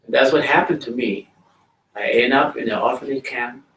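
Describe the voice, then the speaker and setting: A middle-aged man from South Sudan, speaking English with a South Sudanese accent, giving a plain, slow storytelling talk to schoolchildren in a school library. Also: mid-range voice, fairly bright tone. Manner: plain, slow-paced storytelling, addressing children directly. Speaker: guest speaker. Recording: roomy hall audio from a distance.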